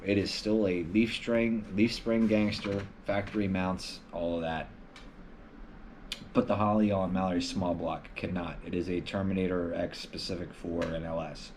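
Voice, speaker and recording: Low-voiced man rambling on a home live stream. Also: steady tone, moderate pace, darkish tone, a little hiss or hum. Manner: rambling, loose, lots of filler words. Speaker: live stream host answering viewer questions. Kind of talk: casual live stream chat.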